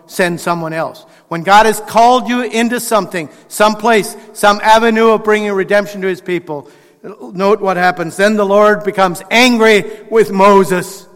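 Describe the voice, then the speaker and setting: A man's voice: high-pitched, normal speed, a bit bright. Man preaching in an echoing hall. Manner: conversational, acts out quotes with restarts. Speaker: pastor. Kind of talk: sermon.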